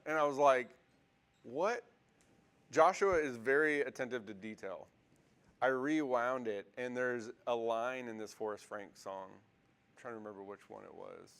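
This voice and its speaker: A man's voice: mid-range voice, normal speed, gravelly, fairly bright tone, clear, resonant tone. Casual male Bible teacher lecturing a class. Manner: conversational, many fillers and restarts, asks the class questions.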